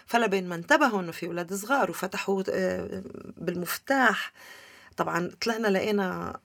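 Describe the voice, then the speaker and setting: A woman with a Palestinian Levantine Arabic accent tells personal stories in an interview. She talks quickly, with a creaky edge to her voice. The sound is close and dry, with very little room. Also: medium pitch, a bit bright, no echo. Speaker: interview guest. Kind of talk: personal storytelling in a conversational interview.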